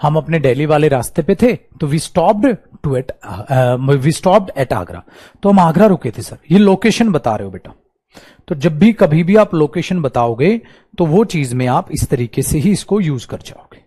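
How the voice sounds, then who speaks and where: A male grammar teacher with an Indian English accent lectures in a high, lively voice that jumps up and down as he acts out little exchanges. He calls his students "beta" and mixes Hindi and English as he teaches. His voice sits above the usual range for a man. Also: a little slow. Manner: animated, acts out student replies and little dialogues. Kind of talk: online coaching class lecture.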